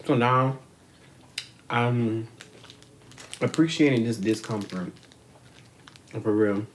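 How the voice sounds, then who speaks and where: An American vlogger talks to his camera while eating, rambling frankly with plenty of slang and free swearing. His mid-range voice moves slowly, and the camera mic picks up a little hiss or hum.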